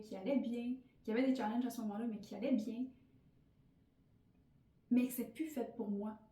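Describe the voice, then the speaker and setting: Chatty and candid, a thirty-something podcast host with a Québécois French accent rambles through a personal monologue full of fillers. Her voice sits high and sounds mellow, recorded at a slight distance in a roomy space.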